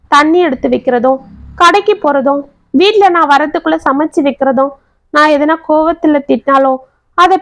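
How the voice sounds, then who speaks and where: A woman's voice: sits high, no echo. A woman voicing a young wife in a story, speaking in an emotional, pleading way. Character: young wife, tearful and remorseful.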